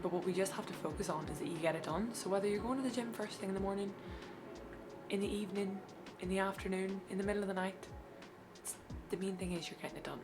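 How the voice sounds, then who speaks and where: A woman's voice: medium pitch, fast talker, over music. A woman chatting informally and slangily as a fitness vlogger in a casual video. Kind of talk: casual vlog chat.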